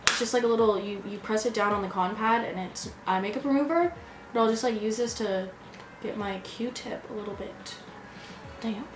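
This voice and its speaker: A woman's voice: medium pitch, normal speed, background noise. Giggly tipsy young woman, echoey room. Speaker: makeup vlogger. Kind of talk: casual chatty makeup tutorial. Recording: echoey room with background music.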